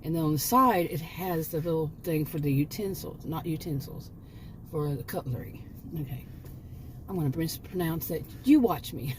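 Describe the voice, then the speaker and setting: A woman's voice: deep voice, expressive, moderate pace, slight background noise. A woman in her late fifties chatting casually in a rambling vlog, often correcting herself and chuckling at her own asides. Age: 50s. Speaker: homemaking vlogger.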